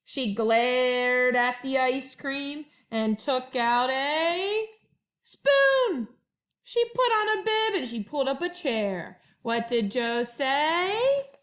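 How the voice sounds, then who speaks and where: At home, a first-grade teacher with a high voice talks to young children, taking her time and stretching phrases expressively as if reading a picture book aloud. Her storytelling is drawn out and expressive, and she sometimes sings the refrains.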